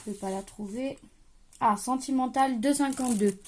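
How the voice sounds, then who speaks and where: A woman's voice: on the high side, normal speed, darkish tone. Chatty woman unpacking a craft haul. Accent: French-speaking, regional. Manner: chatty, thinks aloud while unpacking, trailing off. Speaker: crafting vlogger showing a haul. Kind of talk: casual haul chat to camera. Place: at home, at a craft table, creaky chair.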